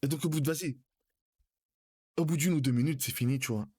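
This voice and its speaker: A man's voice: fairly high pitch, fairly quick, husky. Slangy young man telling a story. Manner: slangy, animated, addresses listeners as brothers. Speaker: live streamer. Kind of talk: casual anecdote telling.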